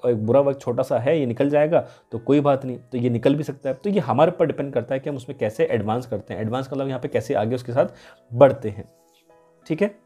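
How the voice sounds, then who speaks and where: A man teaching a poem lesson, reading verse lines slowly and explaining them, repeating key terms. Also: mid-range voice, warm tone, husky, faint music behind.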